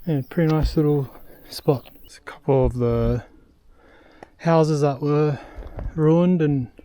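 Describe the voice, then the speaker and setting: A man's voice: fairly high pitch, steady tone, takes it slowly, warm tone, clear, resonant tone. A young man hiking uphill while filming a casual travel vlog outdoors, short of breath, rambling with many ums and uhs. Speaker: travel vlogger. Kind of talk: casual walking vlog narration. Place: outdoors on a hillside trail. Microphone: handheld camera.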